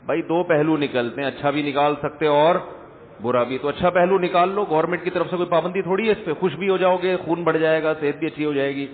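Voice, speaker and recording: A man's voice: a little high, fairly even intonation. Male preacher, Friday lecture, chatty rhetorical delivery, long hall reverb. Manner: conversational, rhetorical questions, jokes with audience. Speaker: religious scholar. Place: large echoing hall. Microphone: speaker system mic. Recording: echoey hall over tinny lo-fi line.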